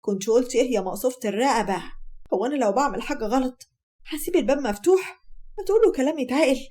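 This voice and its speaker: A woman's voice: high-pitched, animated, racing. Woman playing a scornful Egyptian mother-in-law. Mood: accusing. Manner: sharp, mocking, bossy.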